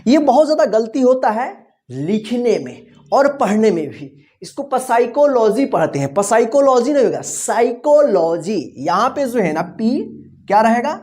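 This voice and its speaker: A woman leads a classroom-style English vocabulary lesson, spelling words letter by letter, quizzing the learners, and patiently repeating each answer with its meaning. Her voice is on the high side, very animated, and a little mellow, at a moderate pace.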